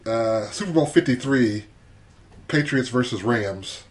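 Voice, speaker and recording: A man's voice: medium pitch, a little slow. Easygoing man talking football. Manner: relaxed, hesitant with many fillers. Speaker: podcast co-host. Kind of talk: casual sports chat.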